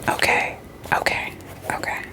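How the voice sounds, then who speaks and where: In an ASMR roleplay, a woman whispers as a therapist. Her manner is soft, deadpan and gently questioning, and she takes her time.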